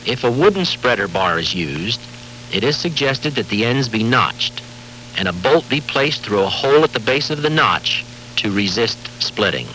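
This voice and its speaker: A man giving formal, measured scripted narration for a safety training film, heard from a worn VHS tape copy with faint hiss and hum. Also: mid-range voice, big pitch swings, pushed and bright, poor audio. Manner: measured, formal, authoritative delivery.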